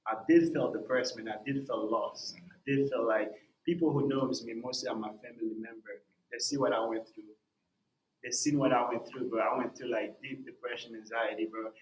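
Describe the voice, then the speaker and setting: A man's voice: medium pitch, normal speed. A young man, a music artist and podcast guest, talking casually and telling his story with lots of "bro" and "man". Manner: animated storytelling, says "bro" often. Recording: roomy echo.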